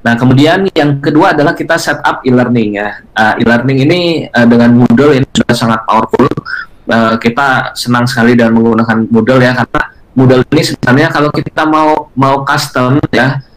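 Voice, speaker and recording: A man's voice: mid-range voice, brisk, poor audio. Hesitant man presenting a webinar. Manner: hesitant, many filler sounds, addresses audience politely. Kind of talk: live webinar talk. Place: online video conference.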